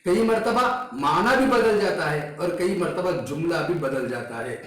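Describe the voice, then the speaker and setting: Guy teaching quran letter sounds, high voice, repeats each letter slow, super echoey room. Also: expressive, a bit bright. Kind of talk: explaining and demonstrating letter sounds.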